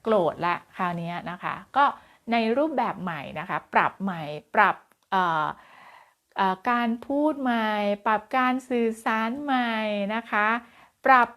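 A woman child development coach giving an advice lesson to parents, chatty and expressive, with many fillers and soft polite endings. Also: mid-range voice, measured pace.

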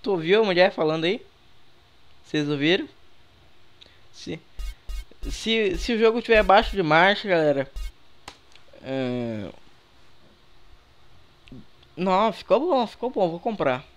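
A young man with a Brazilian accent giving relaxed, slangy commentary while playing a game, chatting with viewers through a headset mic. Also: high-pitched, slow pace, pauses often, faint music behind. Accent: Brazilian Portuguese. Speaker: gaming youtuber. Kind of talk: casual gameplay commentary. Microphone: headset microphone.

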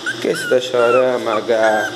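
A man talking in soothing baby talk to a crying puppy, asking the same gentle questions over and over. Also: mid-range voice, wildly swooping pitch, moderate pace, heavy background noise. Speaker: puppy owner filming his dogs. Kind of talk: home video, talking to a puppy.

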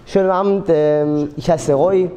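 A man's voice: a little high, fairly even intonation, a little slow, long reverb tail, background noise. A man beginning to tell his life story to an audience, hesitant and apologetic, with many fillers. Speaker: guest speaker telling his life story.

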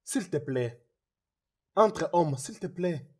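A guilty man in a dubbed film drama who begs for forgiveness and keeps repeating his pleas. His voice is slightly high and husky. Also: lively intonation, measured pace, warm tone. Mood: swearing. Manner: pleading, repeating himself. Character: remorseful man begging forgiveness. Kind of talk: French film dub.

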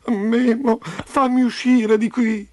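Hurt, tearful young boy put on by a male storyteller, high and pleading, storybook. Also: steady tone, takes it slowly, darkish tone, no echo. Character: hurt crying young boy, tough gang leader.

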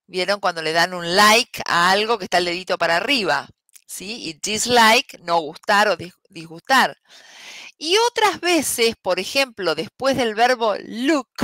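Bright, lively woman teacher. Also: mid-range voice, no echo. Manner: patient, explains step by step with frequent ¿sí? checks. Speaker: English teacher. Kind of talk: online class explanation.

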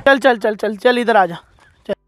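A young man vlogging outdoors, yelling urgent commands during a chase on a rough road. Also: very high-pitched, a little slow, over music. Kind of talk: excited outdoor confrontation vlog.

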